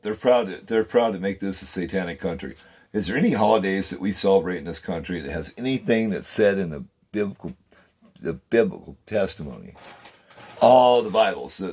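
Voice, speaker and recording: Low husky-voiced man ranting fervently. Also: darkish tone. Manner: fervent, repetitive, addresses viewers as guys and man. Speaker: channel host. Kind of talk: rambling conspiracy monologue.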